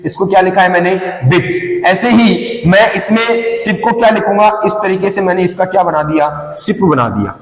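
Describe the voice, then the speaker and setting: A man's voice: high voice, moderate pace, hardly any pauses. A man teaching an English lesson, drilling each term by asking a question and then answering it himself. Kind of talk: classroom lesson, call-and-response drilling. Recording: echoey hall with long reverb.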